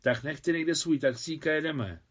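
A man reading an audiobook, voicing a spirited woman driver who talks briskly and with emphasis, raising his voice a little for her. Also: a little high, pitched above the performer's own voice, lightly acted. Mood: lively.

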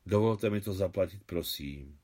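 Proud young woman, tense and polite, as a man reads her lines, lowish voice. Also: a little mellow.

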